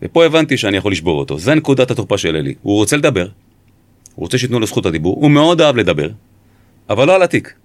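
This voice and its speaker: In an interview, a former police interrogator recounts questioning a suspect. His fairly low voice is measured and emphatic yet very animated, and the recording has no echo.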